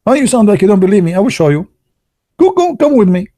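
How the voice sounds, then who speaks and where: A man's voice: sits high, big pitch swings, fast talker, warm tone, voice pushed up. A man voicing a boastful, bossy husband in a joke, swaggering and bragging.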